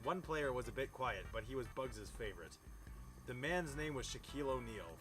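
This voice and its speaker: Reading fan fiction aloud like a storybook, this man speaks a little fast in a mid-range voice with lively intonation. His tone is amused and disbelieving, and he often stops to comment. There is music in the background.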